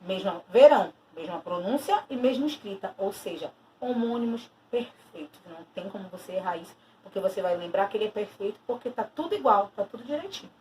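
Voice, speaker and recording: A woman's voice: medium pitch, animated, a little fast, hardly any pauses, darkish tone. A woman teacher giving a recorded lesson, explaining patiently and stressing key terms as she repeats them. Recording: distant mic with faint noise.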